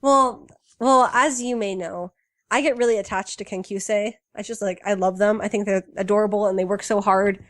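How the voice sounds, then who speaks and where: A woman's voice: medium pitch, fairly even intonation, moderate pace, dry recording, studio quality. A woman co-hosting a casual fan podcast, chatty and enthusiastic, full of fillers. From United States. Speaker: podcast co-host.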